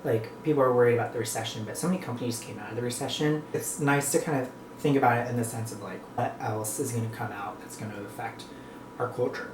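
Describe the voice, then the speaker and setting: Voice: medium pitch, fast talker. A North American vlogger chatting casually and reflectively to viewers, rambling between bites while eating. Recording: echoey room with clear background noise.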